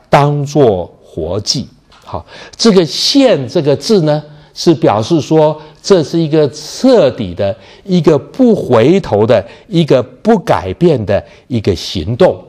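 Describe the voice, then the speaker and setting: A man preaching a sermon. He poses rhetorical questions and answers them himself, slows down to stress key phrases, and starts many sentences with the same habitual filler word. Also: fairly high pitch, dark tone. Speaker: pastor.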